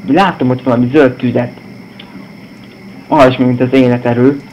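A slightly hoarse young man commentating a horror game, cursing and yelping at scares. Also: medium pitch, fairly even intonation, a little mellow, dull audio, slight background noise. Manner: swearing, jumpy outbursts. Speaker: gameplay video host.

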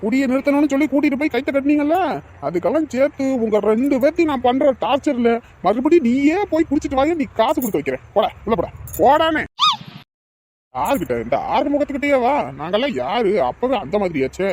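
A man's voice: extremely high pitch, animated, fast talker, darkish tone, a little hiss or hum. A man playing a stern, bossy village father. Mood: scolding. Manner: scolding, blunt and commanding. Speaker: actor in a village family drama. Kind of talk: short-film drama acting.

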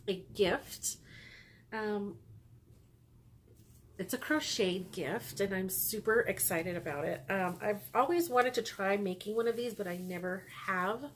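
A knitting podcast host in her forties, stuffy-nosed, chats casually to camera about her knitting from a small room at home, rambling with plenty of ums and little laughs. Her voice is medium-pitched, with a little hiss or hum on the recording.

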